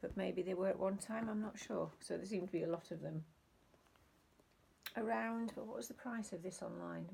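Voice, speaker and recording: A woman's voice: medium pitch, moderate pace, gravelly, darkish tone, breathy edge. A woman chatting casually about her resale finds, rambling and hesitant with many ums. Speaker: reseller vlogger. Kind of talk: casual chat.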